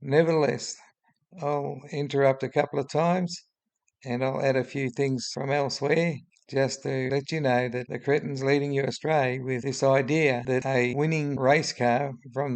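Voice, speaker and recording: A man in his seventies with a broad Australian accent and a droning voice, giving blunt, opinionated spoken commentary as a video host. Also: medium pitch. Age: 70s. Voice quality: droning, gravelly.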